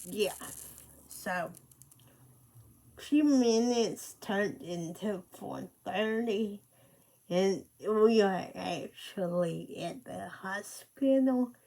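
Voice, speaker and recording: Slow, halting young woman telling her story. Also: medium pitch, vocal fry, mellow. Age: late 20s. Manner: slow and halting, with many pauses. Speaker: vlogger. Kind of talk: personal storytelling.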